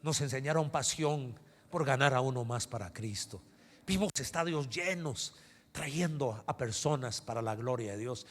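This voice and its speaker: A man, a pastor telling a story in a sermon and building to loud climaxes, recorded at a conference. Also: mid-range voice, normal speed. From Guatemala. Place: large conference hall. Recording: reverberant conference hall.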